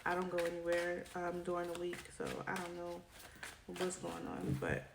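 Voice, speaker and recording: Her voice sits on the low side, creaky and monotone, moving at normal speed while she does a relaxed tarot reading for her viewers. She's coming down with a cold and sounds worn, yet stays chatty, speaking to the audience directly and asking "right?" a lot. Cards shuffle and click in the echoey space around her.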